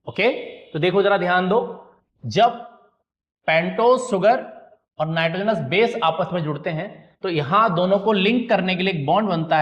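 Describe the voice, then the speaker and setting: High-voiced man teaching biology. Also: muffled recording. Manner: asks questions and answers them himself, repeating key terms; calls students "beta", checks they understood. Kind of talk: classroom lecture at a slide board.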